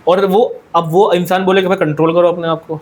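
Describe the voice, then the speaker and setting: A man's voice: high-pitched, level tone, a little fast. A young man talking earnestly as a podcast guest, repeating points and mixing English phrases into his speech. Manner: earnest, repetitive, mixes English phrases into Hindi-Urdu. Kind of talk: conversational discussion.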